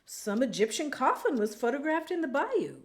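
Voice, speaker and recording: A woman's voice: sits high, very animated, normal speed. An actress playing a sarcastic, confrontational young woman arguing with her mother in an audio drama. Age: young adult. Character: sharp-tongued grown daughter, Penelope.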